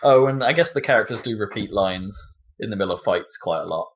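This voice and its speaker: A man's voice: on the low side, animated, fast, highs cut off. A man chatting casually about video games as a podcast co-host, rambling with lots of fillers and laughs.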